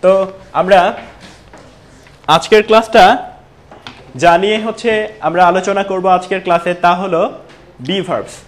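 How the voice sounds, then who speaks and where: A man's voice: high voice, steady tone, unhurried, pauses often. A man teaching spoken to a classroom, asking questions and calling on students. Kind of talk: classroom teaching, mixing Bengali and English.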